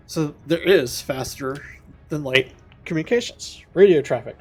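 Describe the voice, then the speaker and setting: A man streaming a space game, thinking out loud in a casual, rambling way and correcting himself as he goes. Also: fairly high pitch, a little slow, slightly rough. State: has the hiccups. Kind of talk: casual gameplay commentary.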